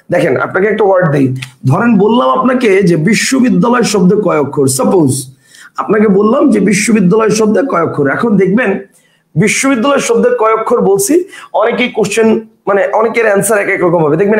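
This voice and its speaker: A man's voice: sits high, echoey room. A man giving a grammar lecture in a classroom, repeating points and putting questions to his students. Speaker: teacher.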